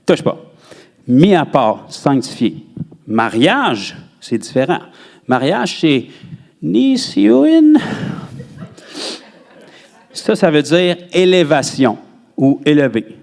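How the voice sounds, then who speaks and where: Animated Québécois man preaching a sermon. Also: mid-range voice, takes it slowly. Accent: Québécois French. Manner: animated preaching, rises sharply on emphasized words. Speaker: pastor. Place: church.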